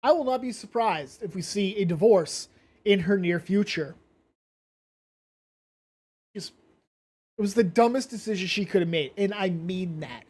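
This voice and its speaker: A man's voice: high-pitched, expressive, a little slow, pauses often, a little mellow, slightly rough. Drowsy, rambling man doing blunt commentary. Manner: rambling, blunt, swears freely. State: drowsy from medication. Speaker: commentary channel host. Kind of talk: casual live-stream commentary.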